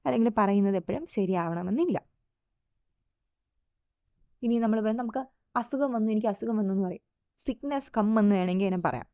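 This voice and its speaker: A woman teacher with a Malayali accent giving a lecture in Malayalam and English. She slows down to read out English definitions. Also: medium pitch, darkish tone, no echo, studio quality.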